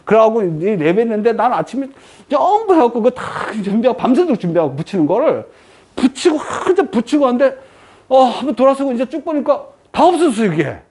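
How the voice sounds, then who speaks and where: A woman's voice: on the high side, brisk, slightly rough. A woman giving a lecture, asking the audience frequent questions and answering them herself. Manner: lively rhetorical questions to the audience.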